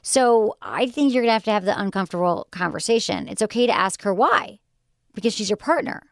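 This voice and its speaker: A woman's voice: medium pitch, lively intonation, a little fast, no echo, studio quality. A woman from Michigan with a Great Lakes American accent, chatting casually and frankly as a podcast host giving advice. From Michigan, United States. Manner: informal, frank.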